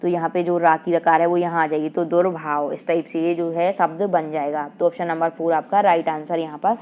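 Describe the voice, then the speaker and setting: A woman teaching an exam-prep grammar lesson with a Madhya Pradesh Hindi accent, asking rhetorical questions and answering them herself, and reading verse lines slowly. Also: sits low, level tone, a little hiss or hum. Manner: slow sing-song recitation of verse lines. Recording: dull lo-fi online class audio.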